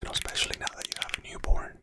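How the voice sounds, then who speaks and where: A man's voice: racing, low-quality recording. A man from Cuba who grew up in Florida, whispering on a casual ASMR live stream, chatting with viewers close to a sensitive microphone. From born in Cuba, raised in Florida.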